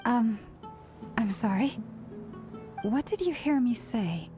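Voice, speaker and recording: A woman's voice: a little high, lively intonation, slow. Polite, inquisitive young woman. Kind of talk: video game voice acting. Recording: music behind the voice.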